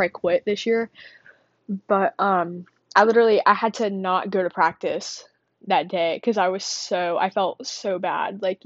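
A teenage girl, a student vlogger, rambles through a casual monologue, winded and out of breath. Her medium-pitched voice is chatty and self-deprecating, full of fillers, and the audio is dull with no echo.

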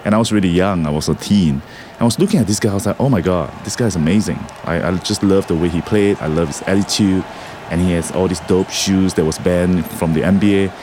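A man's voice: low-pitched, a little fast, a little mellow, a little hiss or hum. A middle-aged man from Singapore, a guest on a podcast, speaking in a reflective way and repeating words as he thinks. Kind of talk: casual interview.

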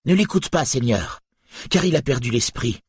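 A man voicing a shrill, hostile village woman who accuses a rival, in an audiobook reading. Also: lively intonation, normal speed, husky, no room sound, studio quality. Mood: shrill accusing. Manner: strident, accusing.

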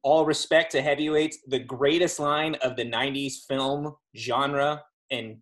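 A man's voice: mid-range voice, fairly even intonation, a little slow. A man as a podcast guest, chatting eagerly about a movie and laughing between words. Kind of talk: casual movie chat.

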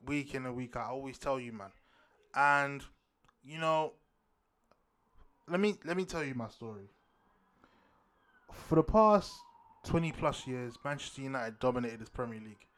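A man with a London roadman accent chats as a solo podcast host. His talk is loose and full of urban British slang, with repeated phrases and direct address to his listeners. His pitch sits in a middle range for a man. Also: moderate pace, pauses often. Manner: slangy, repetitive shout-outs and addresses to listeners. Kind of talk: casual solo sports podcast chat.

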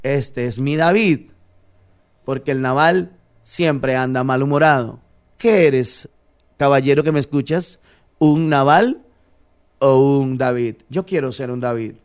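A man preaching a sermon to his congregation, lively and playful, asking them questions and reading scripture aloud. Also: medium pitch, a little slow, smooth. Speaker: pastor. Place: church service.

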